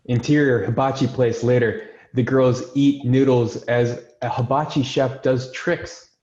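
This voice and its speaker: A man hosts a table read, delivering scripted introductions and reading the screenplay's stage directions. His medium-pitched voice is steady and warm, going a little slowly. The sound is roomy, dull, and lo-fi.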